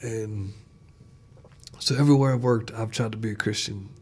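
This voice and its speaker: A man who is a pastor, telling stories in a casual chat and getting animated when he retells dialogue. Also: fairly low pitch, moderate pace, slightly rough. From United States. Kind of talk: casual conversation, storytelling.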